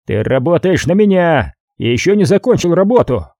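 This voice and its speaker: A man voicing a furious male crime boss who shouts threats down a phone in an audiobook. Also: on the high side, sing-song, normal speed, no room sound, studio quality, pitched above the performer's own voice. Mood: enraged.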